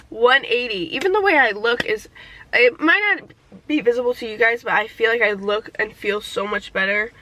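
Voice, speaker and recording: A young woman talks straight to camera in a casual year-in-review vlog, bright and clear-toned, her voice sitting a little high. She is candid and chatty, swearing freely, and reflective enough to turn teary. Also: moderate pace, slight background noise, low-quality recording. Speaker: vlogger.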